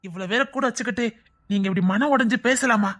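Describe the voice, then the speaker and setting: A woman playing a calm woman doctor who talks slowly and reassuringly to a patient. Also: fairly high pitch. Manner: slow, soothing, reassuring.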